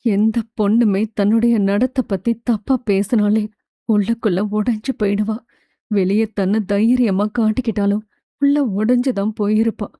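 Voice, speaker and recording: A woman voicing an older sister who speaks quietly about being hurt and then affectionately to her brother, in an audiobook. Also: mid-range voice, fairly even intonation, normal speed, no room sound, clean studio sound, close to an everyday voice. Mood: sorrowful. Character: older sister, wounded but tender woman.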